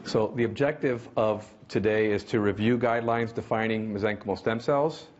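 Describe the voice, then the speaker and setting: A man opening a conference lecture in a quick, friendly way, with small stumbles. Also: lowish voice. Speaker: conference speaker. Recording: dull lo-fi sound, faint noise.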